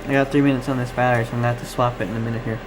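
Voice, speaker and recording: A Canadian radio hobbyist hosts a casual live stream, reading and answering viewer comments while thinking aloud in a rambling, distracted way. His medium-pitched voice is flat and racing, with background noise.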